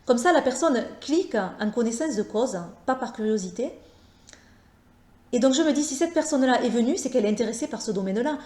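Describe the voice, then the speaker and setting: A woman with a Southern French accent talking casually to her viewers, hesitant and halting, with many fillers and restarts. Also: fairly high pitch, lively intonation, mellow, roomy sound. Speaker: tarot YouTuber. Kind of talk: casual vlog talk.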